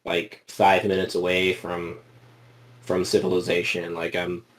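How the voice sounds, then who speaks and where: Hombre grosero y entusiasta, voz grave. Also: male voice, low voice, completely flat delivery, measured pace, a bit bright. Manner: profane, enthusiastic, jokey. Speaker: podcast co-host. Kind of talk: casual chat.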